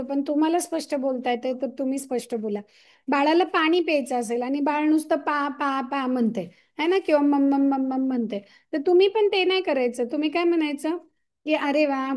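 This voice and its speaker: A woman with a high voice explains a lesson to parents. She stops now and then to ask whether her listeners follow. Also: brisk, a little mellow. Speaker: co-presenter restating the lesson.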